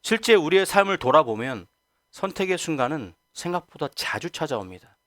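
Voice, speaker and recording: A man's voice: a little high, very animated, a little fast, fairly bright tone, dry recording, clean studio sound. A male pastor preaching a Sunday sermon who asks the congregation rhetorical questions and acts out quoted voices. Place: church sanctuary.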